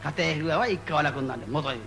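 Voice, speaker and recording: A man giving spoken Buddhist guidance to a gathering, playful and animated, repeating phrases for emphasis. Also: on the high side, quick pace, gravelly, over music. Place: meeting before a live audience.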